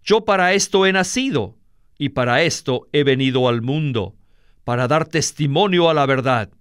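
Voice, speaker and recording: A man voicing a calm, solemn male teacher in a Bible reading, speaking slowly and gravely. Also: mid-range voice, dry recording, clean studio sound, natural voice.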